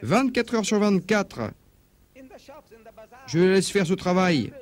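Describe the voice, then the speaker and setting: A man preaching in a dubbed religious lecture, emphatic, asking rhetorical questions, his pitch swinging up and down. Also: big pitch swings, takes it slowly.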